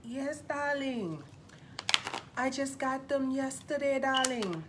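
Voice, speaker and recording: In noisy live stream audio, a woman plays a sassy, glamorous TV psychic hosting a call-in hotline. Her high-pitched, animated voice is campy and drawn-out, sassy yet welcoming, and she calls everyone darling.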